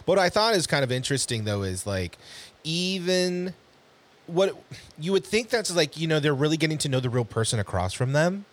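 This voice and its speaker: A man's voice: on the high side, sing-song, a little fast. A man hosting a casual podcast chat, crude and joking, laughing often. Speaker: podcast host.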